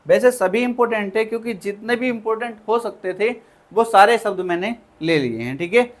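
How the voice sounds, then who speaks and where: High-voiced male Hindi tutor drilling spellings. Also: fairly quick. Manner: repeats each word, addresses students as children; drills by asking and answering himself. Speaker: Hindi teacher for exam prep. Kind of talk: online spelling lesson.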